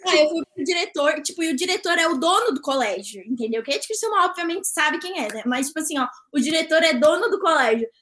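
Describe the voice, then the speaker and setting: A young woman, a podcast guest, telling a story in casual chat, animated, acting out the dialogue and laughing often. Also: high voice, quick pace, hardly any pauses.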